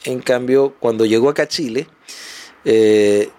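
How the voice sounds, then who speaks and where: A man, a tattoo artist guest telling an anecdote in a relaxed podcast conversation. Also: medium pitch, unhurried. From Venezuela. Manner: animated anecdote teller, acts out voices in quotes.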